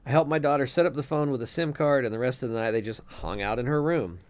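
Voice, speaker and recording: Guy cohosting a chatty podcast, reads letters out, blunt and sweary, mid-pitch voice. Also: fast talker. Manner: swears freely, blunt and opinionated. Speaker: podcast co-host. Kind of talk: casual chat, reading a letter aloud.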